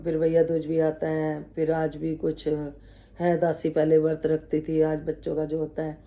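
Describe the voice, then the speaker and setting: A woman's voice: low voice, completely flat delivery, normal speed, mellow. A woman giving a spiritual testimony talk, humbly telling her own story to devotees with quoted dialogue. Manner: humble, calls herself the servant and addresses listeners respectfully. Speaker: devotional speaker.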